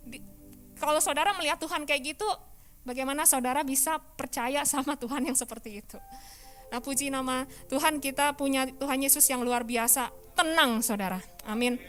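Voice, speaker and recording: A woman pastor giving a lively sermon in church, often asking the congregation questions. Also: high-pitched.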